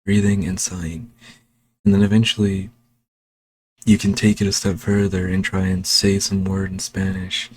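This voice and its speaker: A man slowly explaining a speaking technique in a casual home tutorial, recorded on a desk microphone. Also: low-pitched, flat delivery. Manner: slow, unhurried, talking while demonstrating. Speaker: language learning vlogger.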